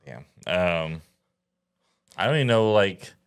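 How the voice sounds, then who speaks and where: A man's voice: deep voice, big pitch swings, a little slow, clean tone. A young man co-hosting a reaction video, trading dry, wry jokes on a studio mic in a small room. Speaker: reaction channel co-host. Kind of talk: casual reaction chat. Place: small room with red lighting, indoors. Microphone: studio mic on boom, headphones.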